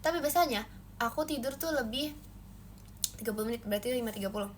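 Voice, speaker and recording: A woman's voice: quick pace, a little hiss or hum. A young woman hosting a casual livestream, playfully chatting with viewers and answering their comments. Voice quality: says her own voice gets shrill when loud. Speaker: idol livestream host. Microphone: phone livestream.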